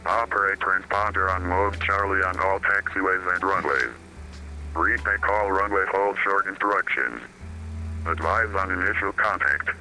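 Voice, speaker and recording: A man's voice in an automated airport weather broadcast over the radio, reading weather codes in a flat, clipped way. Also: sits low, unhurried, soft background music, rough recording. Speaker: recorded airport information service.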